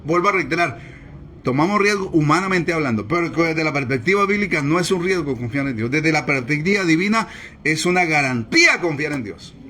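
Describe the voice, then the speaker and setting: A man's voice: a little high, expressive, brisk, sharp tone. A man preaching a sermon as pastor, emphatic and repetitive as he drives his points home. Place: church service, streamed live.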